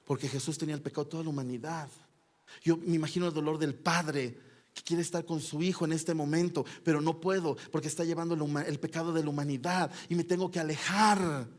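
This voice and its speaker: Impassioned male preacher, higher voice. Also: fairly even intonation, fast talker. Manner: impassioned preaching that swings from loud to hushed; asks the listeners frequent rhetorical questions. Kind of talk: sermon.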